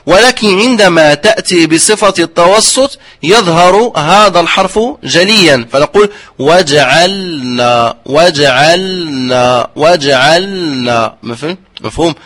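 A man teaching the rules of Quran recitation, slowly modelling the sounds and often asking his listeners if they understood. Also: high voice, lively intonation, a bit bright. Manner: checks understanding with repeated questions; slowly drawn-out demonstrations of pronunciation. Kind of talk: explanatory religious lesson.

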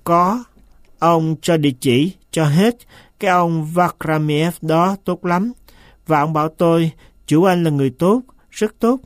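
A man's voice: fairly high pitch, a little slow, no room sound, lightly acted. A sullen manservant answers back here, as a man reads him aloud. He denies everything in a stubborn, grudging way. The sound is dry and close, like a storybook read at the mic. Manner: stubborn, insistent denials. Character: sullen, evasive male manservant.

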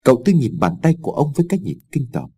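Male audiobook narrator; husky, expressive storytelling. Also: mid-range voice, fast. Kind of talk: scripted narration.

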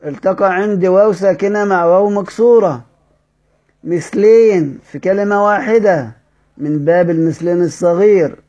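A man's voice: high voice, warm tone, muffled recording. Egyptian man teaching recitation rules. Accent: Egyptian Arabic. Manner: explains with questions to the class, demonstrates recitations slowly. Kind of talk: lesson explaining a text.

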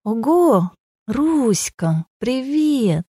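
Woman putting on a higher teasing girl voice, playful but snappy, dry sound. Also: big pitch swings, drawn-out words, warm tone, husky, no echo, full character voice. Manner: teasing and wheedling, flaring into anger. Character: sleepy playful young woman with a fiery temper.

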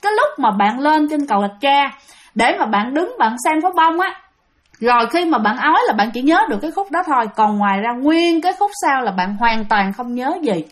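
A woman's voice: sits high, sing-song, a little fast. A woman narrating a ghost story in a chatty way, talking straight to her listeners. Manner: chatty, addresses listeners directly.

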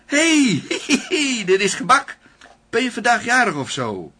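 A man voicing a short, chubby, jovial male tax inspector who exclaims loudly. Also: mid-range voice, brisk, husky. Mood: jolly.

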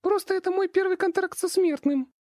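A squeaky pleading imp girl, as a man puts her on. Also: brisk, a little mellow, no room sound, studio quality. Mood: sulky. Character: squeaky pleading female imp demon servant. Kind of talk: audiobook reading.

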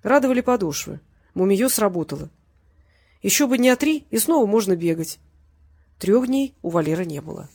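A woman narrating a novel as an audiobook. Her storytelling is steady and even, with a quiet wry touch. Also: medium pitch, normal speed, breathy edge. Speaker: audiobook reader.

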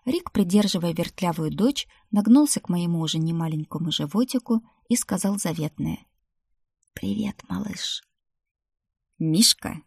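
A woman narrating a romantic fantasy audiobook in an even, expressive reading voice. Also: on the low side, normal speed, few pauses, slightly rough, no echo.

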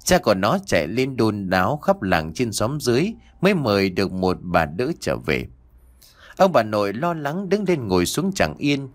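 A man reading a horror story aloud as a steady, dramatic storyteller. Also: lowish voice, moderate pace. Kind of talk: scripted horror story narration.

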